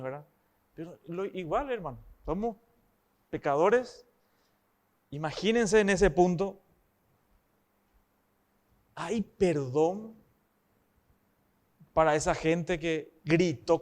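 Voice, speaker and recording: A man's voice: on the high side, takes it slowly, pauses often, a little mellow. A man preaching a sermon, emphatic and often asking the congregation rhetorical questions.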